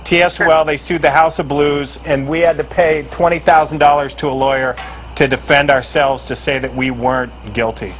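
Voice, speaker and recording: A man's voice: on the high side, flat delivery, moderate pace, fairly bright tone, faint music behind. A middle-aged man, a guest musician, chatting casually in a dry, plain-spoken way. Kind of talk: casual chat.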